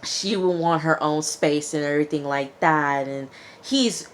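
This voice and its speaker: Her voice is low and unhurried, with a little hiss or hum in the recording. She's a TV show reviewer giving a conversational, opinionated reality TV recap and acting out the quotes.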